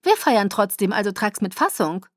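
A woman's voice: mid-range voice, sing-song, moderate pace, no echo, studio quality. A woman voicing a bubbly, eager young woman with a chirpy, sing-song manner in a storybook reading. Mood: excited.

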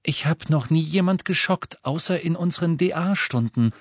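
A man's voice: a little high, normal speed, dry recording, studio quality, voice pushed up, lightly acted. A man reading an audiobook voices an odd, dreamy teenage girl who sounds only mildly interested. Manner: airy, detached.

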